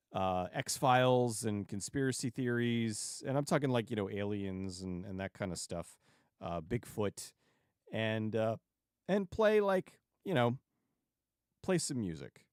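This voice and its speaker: A man hosting a livestream and chatting casually with viewers in a rambling, halting way, often restarting sentences and digressing. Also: fairly low pitch, lively intonation, a little mellow, clean tone, dry recording, studio quality. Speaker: YouTube livestream host.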